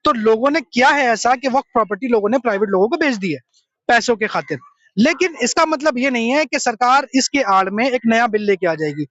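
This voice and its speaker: A man's voice: very high voice, expressive, a little fast, fairly bright tone, dry recording. Earnest young man explaining. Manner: earnest, explanatory, mixes English terms. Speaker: interviewee. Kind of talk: street interview. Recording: dull lo-fi sound.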